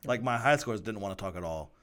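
A man with a lowish voice talks in a relaxed podcast chat about his work with students. He stops and restarts often, circling back to finish his thoughts. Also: clear, resonant tone. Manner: halting, many restarts and fillers. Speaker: student ministry leader. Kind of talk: casual podcast conversation.

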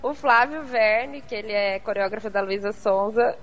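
A woman guest influencer in a casual interview, relaxed and self-deprecating, laughing often. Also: mid-range voice, moderate pace, muffled recording, very noisy.

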